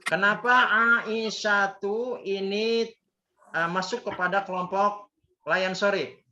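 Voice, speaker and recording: Slow and steady, with a sharp tone and a voice that sits high, an Islamic teacher drills his class in Arabic grammar through call-and-response, repeating words and quizzing the students. The audio is echoey, dull and lo-fi with faint noise.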